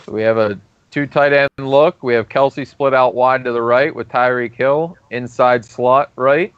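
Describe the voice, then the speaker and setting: A man calls the action snap by snap in a smooth, resonant voice, reading formations and runs in steady descriptive runs. The sound is dry and a little dull, as if from a modest home setup. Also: mid-range voice, moderate pace, no room sound. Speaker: play-by-play announcer. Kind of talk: live play-by-play commentary.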